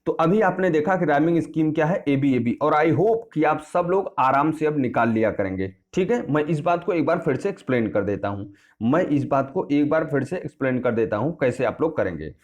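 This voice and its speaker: A man's voice: fairly high pitch, expressive, brisk. Repetitive male tutor with dull audio. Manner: repetitive, asks and answers his own questions; addresses students familiarly. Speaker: English tutor. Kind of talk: classroom-style video lesson.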